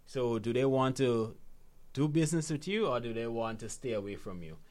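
This Guyanese guest coaches people on money habits and talks at a moderate pace in a medium-pitched voice. He's animated and conversational in the interview, frequently adding "right?" as he tells his stories.

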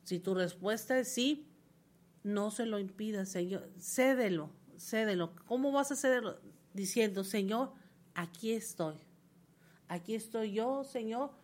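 Fervent woman preaching a sermon. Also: on the high side. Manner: fervent, builds to emphatic repetition.

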